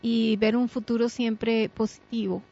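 A middle-aged woman chats on a radio show, earnest and emphatic, often breaking into a laugh. Her voice sits a little high. The sound is dull and lo-fi. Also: flat delivery, unhurried, vocal fry, mellow. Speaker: radio co-host. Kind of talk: casual radio chat.

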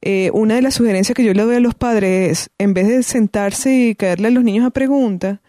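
A woman's voice: a little high, a little fast, dark tone, no room sound, clean studio sound. A woman speaking as a guest on parenting, thoughtful and conversational, often restarting her phrases. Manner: thoughtful, many restarts and fillers. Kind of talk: conversational advice.

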